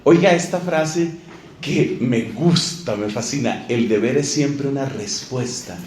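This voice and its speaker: A man preaching a sermon, animated, swinging between loud emphatic lines and low asides, acting out little dialogues. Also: measured pace. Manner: acts out little dialogues in different voices. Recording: echoey room with faint ambient noise.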